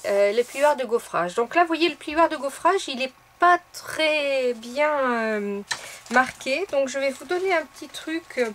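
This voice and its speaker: A woman hosting a casual crafting tutorial, explaining each step in a chatty way with soft fillers. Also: high voice, a little hiss or hum. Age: adult. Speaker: craft video host.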